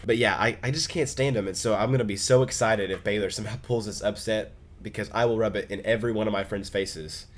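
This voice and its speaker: A young man from Oklahoma telling a funny story to his vlog camera in a casual, animated way, with quick asides. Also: on the low side. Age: young adult. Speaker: vlogger.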